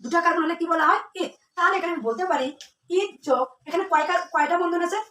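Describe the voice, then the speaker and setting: Teaching chemistry to students, a woman with an extremely high pitch speaks at a quick pace in a bright, forceful tone, asking questions, answering them herself and repeating key terms. The classroom recording is echoey, with a distant mic and slight background noise.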